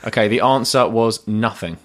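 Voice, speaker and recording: A man's voice: on the low side, normal speed. Playful man running a quiz. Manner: playful, teasing. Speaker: podcast host and quizmaster. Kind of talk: casual chat, reading quiz questions.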